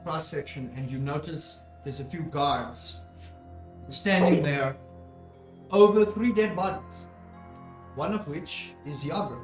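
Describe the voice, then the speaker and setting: A man's voice: a little high, takes it slowly, long pauses. A man running a tabletop fantasy game as game master, improvising narration and repeating phrases for emphasis. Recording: echoey room, faint music behind. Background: faint music.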